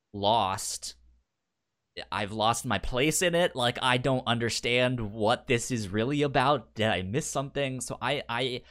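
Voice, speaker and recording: A podcast co-host with a mid-range, slightly bright voice chats casually, pitching and recapping anime. They often stammer, repeating words and syllables.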